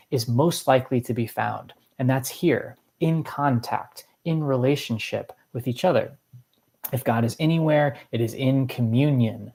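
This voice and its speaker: A teacher with a rambling, reflective, professorial way of talking, giving an informal literature lecture in a mid-pitched voice. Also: darkish tone.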